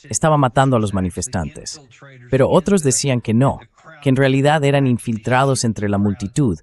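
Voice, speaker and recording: A synthetic male voice-over with a medium pitch and a slightly mellow quality reads translated political commentary. It is delivered in a measured, explanatory way, as an interview guest.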